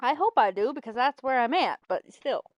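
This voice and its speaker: A woman's voice: high voice, lively intonation, brisk, dry recording, highs cut off. A middle-aged woman hosting a game stream, chatting casually and telling stories with playful emphasis. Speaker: gaming host.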